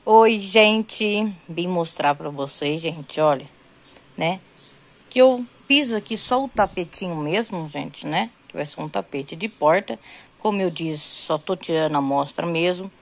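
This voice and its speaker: A woman's voice: fairly low pitch, gravelly. A middle-aged Brazilian woman chatting casually in a home crochet vlog, showing her rugs and counting rows aloud. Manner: chatty, repeats "gente" and "tá bom" constantly. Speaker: crochet vlogger.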